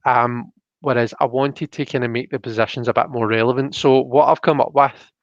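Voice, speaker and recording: Brisk and steady in tone, this man's medium-pitched voice carries a casual live-stream chat. He hosts a live tarot reading show and talks in a tentative, apologetic way, over muffled, roomy home sound.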